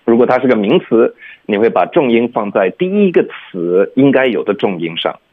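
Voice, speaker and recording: A man's voice: medium pitch, lively intonation, moderate pace. A man teaching English pronunciation on a radio lesson, explaining patiently step by step and often checking in with "OK?", heard over a phone line.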